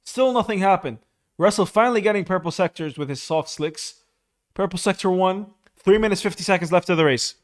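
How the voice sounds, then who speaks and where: His voice sits high and his pace runs a little fast as the young man streams live. He offers laid-back, excitable race commentary, peppered heavily with "bro."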